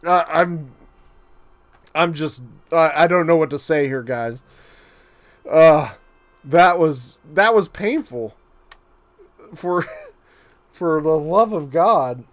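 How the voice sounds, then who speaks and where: Excitable male game commentator, higher voice. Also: slow, long pauses. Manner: excitable, incredulous, often stammers and repeats himself. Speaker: gaming channel host commentating an AI battle.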